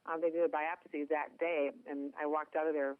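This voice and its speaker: A middle-aged Minnesota woman with a local accent tells her story as a chatty phone interview guest, with plenty of self-deprecating humor. Her voice sits low, level and brisk. The tinny phone line sounds dry, with no echo.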